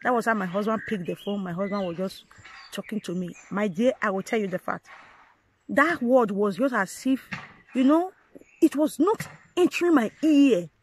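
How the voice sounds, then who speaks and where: A woman tells her own life story straight to her viewers in an earnest, personal way. Her voice sits at a middle pitch. She speaks in halting phrases, often repeating and restarting them as she goes. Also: animated, a little hiss or hum, low-quality recording. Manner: earnest, addresses viewers directly.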